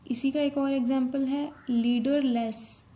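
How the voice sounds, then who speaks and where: A woman teaches shorthand, calling out letters and strokes one by one. Her voice sits high but mellow, and her pace is unhurried and steady. She moves easily between Hindi and as she explains. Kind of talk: step-by-step tutorial explanation.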